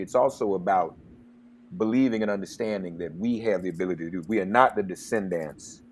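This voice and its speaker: A man's voice: sits low, a little hiss or hum. A man hosting a radio talk show, speaking with passion and getting worked up like a preacher. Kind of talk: interview and commentary.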